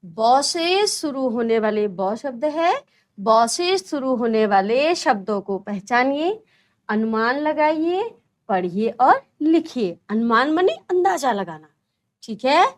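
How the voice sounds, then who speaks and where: A woman's voice: a little high, big pitch swings, slow. A woman teacher explaining a children's textbook lesson, patiently asking questions and answering them herself. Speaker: primary school teacher.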